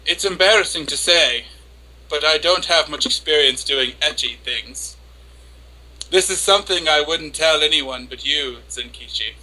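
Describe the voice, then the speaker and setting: Man hamming up a lovestruck, very bright-voiced anime girl. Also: a little high, poor audio. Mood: dreamy, devoted. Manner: hammy, theatrical dramatic reading with drawn-out words. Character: lovestruck, obsessive young anime woman confessing, flustered and devoted. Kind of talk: dramatic reading of an internet post.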